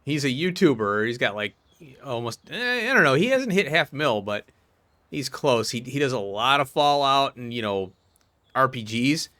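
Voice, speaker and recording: A man commentates casually over a video game. His bright, mid-pitched voice moves around in a lively way, and he chats and thinks aloud as he plays. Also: moderate pace. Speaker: gaming video host.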